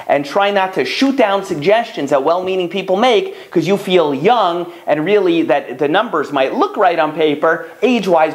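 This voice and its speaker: A man in his thirties, a rabbi and matchmaker, giving casual advice straight to the camera and acting out callers' lines. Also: fairly high pitch. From United States. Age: 30s. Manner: animated, conversational, acts out callers' lines. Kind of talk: direct-to-camera advice talk.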